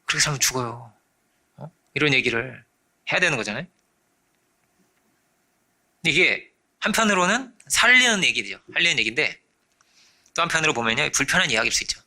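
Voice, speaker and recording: A man preaching a sermon as pastor, animated, often checking in with his listeners and acting out the voices in his story. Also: on the high side, a little fast, pauses often. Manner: animated, acts out quoted voices; frequent rhetorical checks to congregation.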